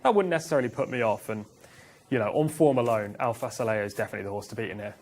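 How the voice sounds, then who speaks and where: A man's voice: fairly low pitch, racing, darkish tone. A man in a racing studio analysing the runners' form and ratings with confident, detailed reasoning. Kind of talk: live racing broadcast analysis.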